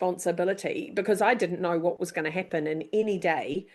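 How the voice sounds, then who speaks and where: A woman's voice: on the low side, quick pace. A woman in her fifties, a leadership speaker, chatting as an interview guest and acting out quotes as she tells stories. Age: 50s. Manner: animated storyteller acting out quoted voices. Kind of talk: casual interview chat.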